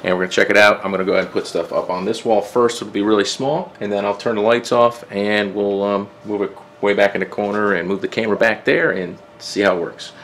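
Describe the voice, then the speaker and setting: A man's voice: on the low side, fairly even intonation, fast, hardly any pauses, a bit bright, a little hiss or hum. A man reviewing DJ lighting gear in a casual, chatty vlog, thinking aloud as he sets up. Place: indoor room with DJ gear.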